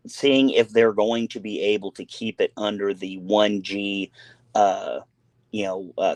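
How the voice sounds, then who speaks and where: A man with a low voice hosts a casual gaming talk show. He rambles and restarts, pressing his points with fillers and emphasis. The sound is dry and close. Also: darkish tone, no echo. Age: adult with a son.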